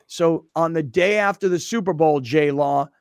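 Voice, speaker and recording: A middle-aged man hosting a sports talk radio show, energetic and conversational. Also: fairly high pitch, moderate pace, clear, resonant tone, no room sound, clean studio sound.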